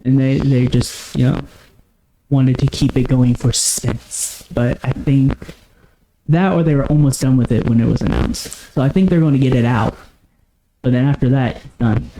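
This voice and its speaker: A podcast co-host chats casually at a moderate pace in a medium-pitched voice, rambling and frequently stopping to correct himself. Background noise can be heard.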